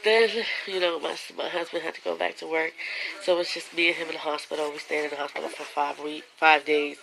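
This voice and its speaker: Emotional young woman with a gravelly voice. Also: deep voice, little pitch movement, fast talker, a bit bright, low-quality recording. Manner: emotional, fighting back tears at times. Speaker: vlogger. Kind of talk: casual storytelling to camera.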